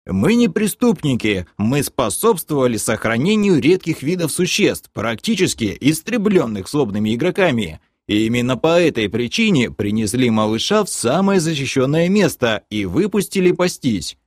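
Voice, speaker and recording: A man's voice: mid-range voice, sing-song, dry recording, studio quality, voice pushed up. A man voicing a glib male adventurer who rattles off a speech in an audiobook. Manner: rattling off words quickly, glib. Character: fast-talking glib young male adventurer. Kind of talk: audiobook character voice.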